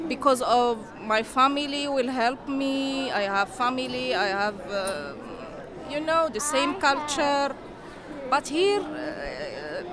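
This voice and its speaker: A woman from Morocco speaks slow, simple English in a high voice. She was recorded outdoors at an event, and a crowd is clearly heard behind her. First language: not English. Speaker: interviewee.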